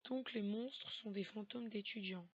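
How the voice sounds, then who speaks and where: A woman giving let's play commentary on a horror game, swearing a lot and breaking into panicky shouts. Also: mid-range voice, measured pace, slightly rough, no room sound, highs cut off. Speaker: gamer playing a horror game.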